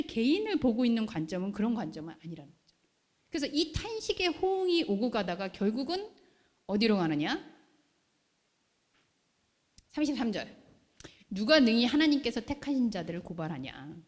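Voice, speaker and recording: A woman pastor preaching a sermon in a lively way, often putting questions to the congregation. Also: on the high side, normal speed, long pauses. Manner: animated, asks the congregation questions. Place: church hall. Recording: long hall reverb.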